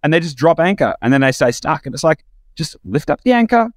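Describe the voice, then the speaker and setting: A man's voice: a little high, very animated, fast talker, no echo, studio quality. Reflective, enthusiastic male podcast host. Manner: reflective, enthusiastic, rambling with restarts. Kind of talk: casual podcast conversation.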